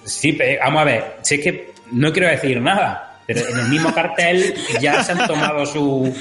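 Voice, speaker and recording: A man's voice: on the high side, normal speed, fairly bright tone. A man with a Spain Spanish accent chats casually as a podcast panelist, often hesitating and justifying himself. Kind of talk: casual group chat. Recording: roomy echo, music underneath.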